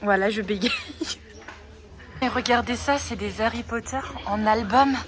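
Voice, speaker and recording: A woman's voice: fairly high pitch, unhurried. Young woman vlogger, self-mocking chatter, clip-on mic, windy outdoor noise. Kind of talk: casual vlog chat. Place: outdoors on a farm and at home. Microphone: wireless clip-on mic.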